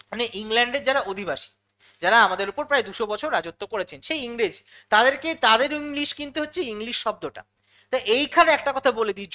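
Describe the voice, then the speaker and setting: A quick-talking woman teaches English grammar. She goes step by step, repeats the key words and keeps checking in with her students through questions. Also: on the high side, pushed and bright. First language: Bengali. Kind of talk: classroom-style lesson explanation.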